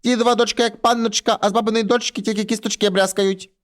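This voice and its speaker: A man reading a folk fairy tale aloud, dropping his voice low for the talking animal heads. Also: little pitch movement, fast talker. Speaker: storyteller.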